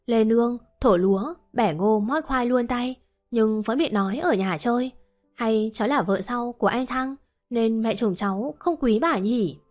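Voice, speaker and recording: A woman's voice: a little high, measured pace, a little mellow, close to an everyday voice. A woman reading as a meek young pregnant wife. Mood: plaintive. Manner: polite, pleading, questioning.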